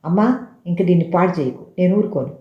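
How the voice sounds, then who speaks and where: A storyteller voicing an indignant, exasperated middle-aged man who shouts in protest, in a roomy, dull recording. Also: mid-range voice, level tone, moderate pace, creaky, lightly acted.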